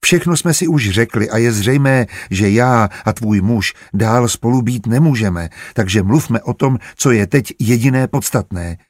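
A male narrator voicing a patient, calculating merchant who speaks calmly and firmly. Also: medium pitch, no room sound, clean studio sound, close to an everyday voice. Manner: calm and measured.

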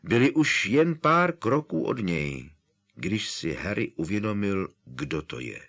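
A man narrating an audiobook with expressive, dramatic storytelling. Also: lowish voice.

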